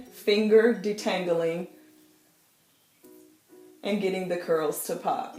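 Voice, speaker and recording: A woman's voice: on the low side, roomy sound. A young woman vlogger giving a casual hair tutorial at home, chatty and playful, laughing at herself. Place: home room.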